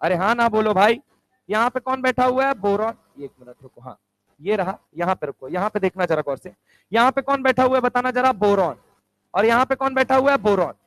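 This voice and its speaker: A male chemistry teacher lecturing a class, firing quick rhetorical questions and answering them himself. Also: sits high, lively intonation, a bit bright, no room sound, poor audio. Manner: answers his own questions aloud.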